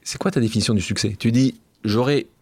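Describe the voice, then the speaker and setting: A man's voice: mid-range voice, fast talker, a little mellow, slightly rough, dry recording. A man interviewing a guest in a chatty way, often finishing the guest's sentences. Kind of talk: interview questions.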